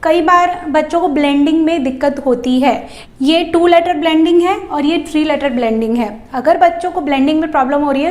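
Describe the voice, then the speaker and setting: A woman giving a phonics lesson for parents, patiently repeating sounds slowly and clearly. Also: sits high, reverberant. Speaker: English teacher for parents of young children. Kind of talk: phonics lesson in Hindi mixed with English.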